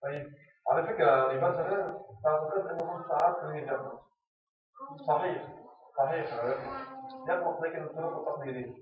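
A Tunisian man teaches a classroom lesson, pressing his students with question after question at a quick clip. His voice sits fairly high for a man. It comes through a tinny, phone-like channel, heavily echoey and from well off the mic. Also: recorded from a distance, slight background noise. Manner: quizzes the class with repeated questions.

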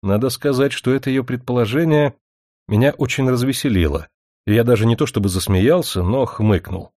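A man narrating a first-person audiobook in a wry, even storytelling manner. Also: medium pitch, a little fast, no room sound, studio quality.

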